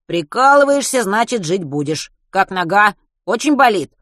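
A woman voicing a stubborn teenage boy who talks brusquely and grumbles loudly in an audiobook. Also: lowish voice, lively intonation, moderate pace, no echo, clean studio sound, lightly acted. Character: determined teenage boy, gruff and stubborn rescuer.

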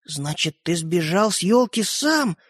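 A man voicing a young boy in a storybook, eager and quick-tempered. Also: high-pitched, big pitch swings, a bit bright, breathy edge, dry recording, clean studio sound, full character voice. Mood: indignant.

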